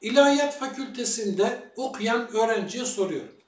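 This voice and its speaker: High, lively man in an echoey room. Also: moderate pace. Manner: rhetorical questions addressed to viewers. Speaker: religious commentator. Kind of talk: lecture-style monologue. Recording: echoey room, far from the mic.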